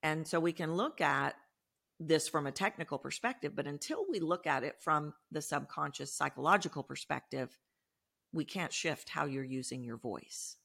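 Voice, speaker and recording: Interviewed on a podcast, a woman from Texas explains her voice coaching work with animated emphasis in her Texan accent. She talks at a normal speed in a low-pitched voice that is creaky and slightly rough.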